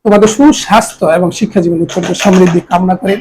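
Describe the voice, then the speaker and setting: A woman teacher giving a grammar lesson to students, slowing down to sound out each word carefully. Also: fairly low pitch, fairly even intonation, a little mellow, a little hiss or hum, low-quality recording.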